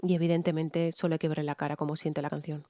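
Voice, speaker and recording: A woman's voice: sits low, level tone, fast. A woman from Spain with a Spanish accent, a vocal coach giving a candid, explanatory analysis of a singer's voice in a reaction video, often checking in with her listeners. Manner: frank, explanatory, frequent "¿vale?" check-ins.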